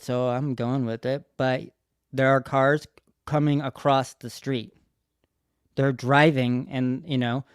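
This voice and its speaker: A man's voice: medium pitch, clean tone, no room sound, clean studio sound. A man hosting a livestream, telling a long story in a rambling way with many fillers and restarts. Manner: rambling, many fillers and restarts, grows loud when reliving the shouting. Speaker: livestream host. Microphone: streaming studio mic.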